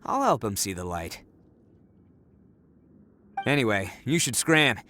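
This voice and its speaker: An actor playing a brash, boastful, big-hearted young hero in a video game, cocky and theatrical. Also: male voice, on the low side, very animated, slow pace, sharp tone, slight background noise, exaggerated voice. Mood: reassuring.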